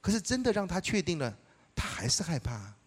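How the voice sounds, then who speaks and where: Animated storytelling male pastor. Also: sits high, a little fast, breathy edge. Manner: animated, acts out dialogue, laughs often. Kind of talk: sermon with personal storytelling.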